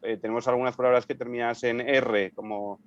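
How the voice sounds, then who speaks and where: A man's voice: mid-range voice, steady tone, fairly quick, highs cut off. A man speaking in a casual panel discussion, thinking aloud and restarting his sentences. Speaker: panel guest.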